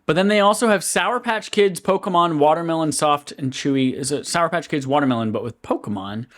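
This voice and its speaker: A man's voice: on the high side, a little fast. A man co-hosting a podcast in casual conversation, telling stories and swearing freely. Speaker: podcast co-host. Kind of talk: casual chat.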